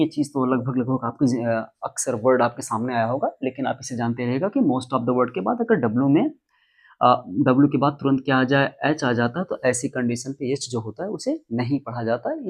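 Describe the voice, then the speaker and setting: Guy teaching english, emphatic, repeats words a lot, pitch jumps around. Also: expressive, normal speed, husky. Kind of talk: classroom-style explanation.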